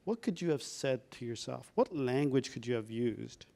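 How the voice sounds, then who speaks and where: Slow, calm prompting questions guide a reflection exercise as a male doctor leads a workshop. His voice sits at a medium pitch with a gravelly texture.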